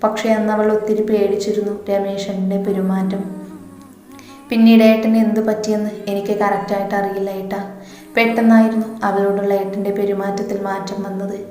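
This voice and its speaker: Woman reading as a teasing young woman: steady flat delivery, echoey room with long reverb. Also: medium pitch, lightly acted. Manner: teasing, coaxing.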